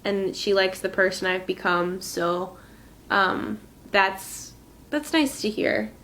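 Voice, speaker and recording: A woman's voice: mid-range voice, slow pace, fairly bright tone, a little hiss or hum, rough recording. A young woman with a mid-range voice talks about someone close to her in a casual interview. She picks her words carefully, hesitates, and often restarts a sentence.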